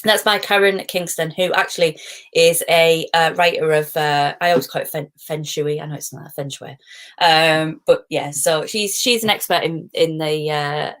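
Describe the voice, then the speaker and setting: A woman's voice: low-pitched, steady tone, normal speed, fairly bright tone. A middle-aged woman, hosting a live stream as a positivity coach, chatty and digressive with frequent laughs. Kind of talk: casual live-stream talk.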